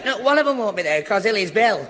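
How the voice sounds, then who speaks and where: A man's voice: high-pitched, big pitch swings, fast talker. A man playing a bumbling, stammering young fiancé in 1950s radio comedy, heard on an old broadcast recording. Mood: flustered. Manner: stammering, muddled and tongue-tied. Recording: hissy old broadcast with long hall reverb.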